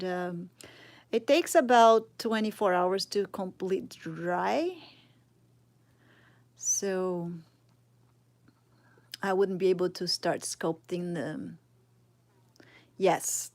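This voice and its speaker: A fairly low, darkish voice belongs to a woman in her thirties from Brazil, who speaks with a Brazilian Portuguese accent. Teaching sculpting live and informally, she reads and answers chat, reasons slowly aloud and frequently trails into a murmur mid-task.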